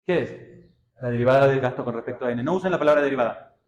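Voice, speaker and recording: A man's voice: mid-range voice, rapid-fire, roomy sound, lo-fi sound. A man with an Argentine Spanish accent teaching a math class, constantly asking his students questions and checking that they follow. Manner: questioning, checks understanding often, colloquial.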